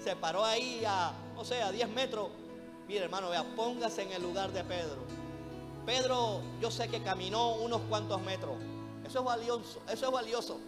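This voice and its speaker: High-voiced fervent male preacher in reverberant hall. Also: moderate pace. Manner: fervent, keeps calling listeners "brother", rhetorical questions. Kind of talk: sermon. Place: church hall. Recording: long hall reverb with music behind.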